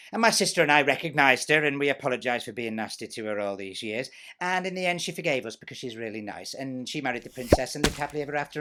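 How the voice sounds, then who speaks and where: A man with a British accent voices a vain, jealous pantomime step-sister, telling a story theatrically with snide, self-important, chatty asides. His mid-range voice is a bit bright and close to an everyday voice.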